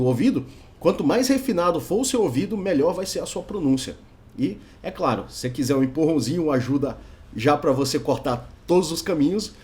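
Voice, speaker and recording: A man's voice: mid-range voice, darkish tone. A young man with a Brazilian Portuguese accent, giving a casual video lesson on learning English and often tagging sentences with a questioning "right?". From Brazil, Brasília. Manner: chatty, tags many sentences with a questioning "right?". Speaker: English teacher.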